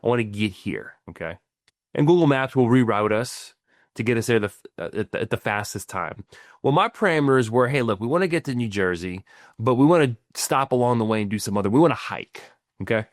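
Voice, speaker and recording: A middle-aged man, a financial planner co-hosting a podcast, explains ideas in casual chat full of stumbling restarts and frequent "right?" tags. His mid-range voice is brisk with lively intonation, recorded with studio quality and no echo.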